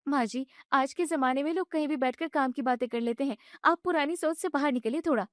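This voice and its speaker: A woman voicing a young newlywed daughter-in-law who argues back in a high, exasperated voice. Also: a little fast, dry recording, clean studio sound, close to an everyday voice. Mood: complaining. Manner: high, protesting complaints.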